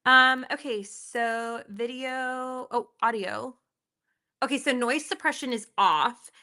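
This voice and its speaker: Bright, giggly woman streaming live. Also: on the high side, takes it slowly. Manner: chatty, giggly, talks to her viewers while fixing her audio. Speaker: livestream host reacting to videos. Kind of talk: casual live-stream chat. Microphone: laptop built-in microphone.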